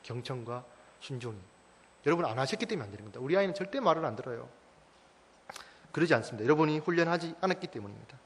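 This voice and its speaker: A man's voice: medium pitch, lively intonation, rapid-fire, pauses often. A man in his thirties, a church staff speaker, giving an emphatic parenting talk to a mothers' group and firing rhetorical questions at the audience. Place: church hall. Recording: long church-hall reverb.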